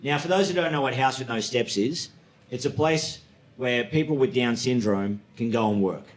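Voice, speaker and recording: A man in his late thirties with an Australian accent, telling stories in a stand-up comedy set and acting out high, excited voices. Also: moderate pace. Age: 30s. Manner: storytelling, acts out voices with sudden high excited jumps. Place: comedy club stage. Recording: echoey club room with audience.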